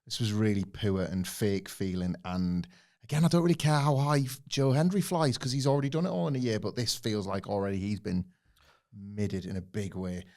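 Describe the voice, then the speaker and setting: A man's voice: fairly low pitch, a little fast, a little mellow. A man co-hosting a podcast, giving a blunt, grumbling critique in casual chat. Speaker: podcast co-host.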